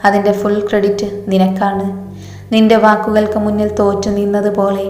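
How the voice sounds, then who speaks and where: A man's voice: high-pitched, monotone, moderate pace, darkish tone, faint music behind, lightly acted. A woman voicing a doting young husband. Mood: tender. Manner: tender, teasing. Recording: echoey hall reverb.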